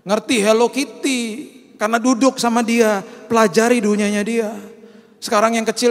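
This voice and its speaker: A middle-aged male pastor, telling animated stories in a sermon and mixing in English phrases. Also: high-pitched, big-room sound.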